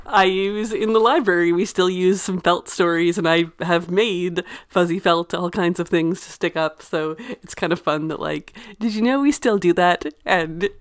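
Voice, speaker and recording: Woman podcast co-host, casual and chatty, slightly low voice, dry close sound. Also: steady tone, normal speed, hardly any pauses, no echo. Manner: chatty and enthusiastic, many fillers. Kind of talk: casual chat.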